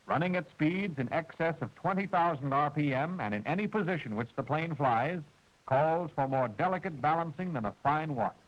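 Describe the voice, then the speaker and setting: This wartime instructional film is voiced by a man whose fairly high tone carries a husky quality; his enunciation is formal and exact, his pitch lively as it rises and falls. He explains every step at a measured, even pace. The aged soundtrack sounds dull and muffled, with a little music beneath.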